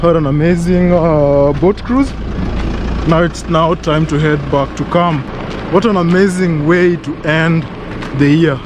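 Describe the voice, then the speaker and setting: A man's voice: on the high side, steady tone, measured pace, noisy background. A man hosting a casual travel vlog. He talks chattily with fillers, filmed at arm's length while outdoors on a river boat. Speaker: travel vlogger host. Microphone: selfie camera at arm's length.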